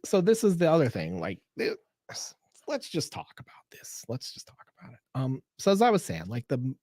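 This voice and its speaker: A man in his fifties chats casually as he hosts his own livestream, rambling, restarting sentences and poking fun at himself. His voice has a gravelly edge and moves around a lot in pitch. It is recorded close and dry, with no room sound. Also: darkish tone, no room sound. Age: 50s. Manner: rambling, self-deprecating, many restarts. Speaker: livestream host.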